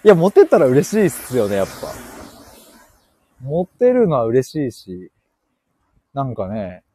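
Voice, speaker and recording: A man's voice: medium pitch, wildly swooping pitch, a little slow, dark tone, dry recording. Playful man chatting on a live stream. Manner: playful, laughs often, joking. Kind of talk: casual live-stream chat reading listener comments. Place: outdoors, walking. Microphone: earphone mic.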